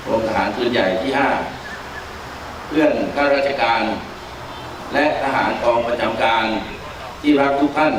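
A middle-aged man, a military officer, delivering a formal ceremonial speech phrase by phrase in a measured way. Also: medium pitch. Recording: very echoey, distant mic, noisy.

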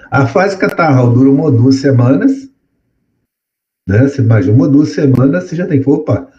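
Guy teaching a med class, keeps checking in w/ the students, warm low-key voice, kinda muffled recording. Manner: explanatory, repeats words for effect, frequent tag questions. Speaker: medical lecturer. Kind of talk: classroom lecture.

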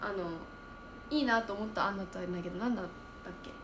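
A young woman chatting casually on a livestream, reading viewer comments aloud and thinking out loud as she reacts. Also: medium pitch, fast, slight background noise.

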